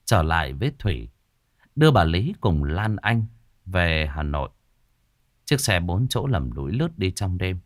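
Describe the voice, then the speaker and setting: A man narrating a horror story in a slow, suspenseful storytelling manner. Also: low-pitched, big pitch swings, no echo, clean studio sound.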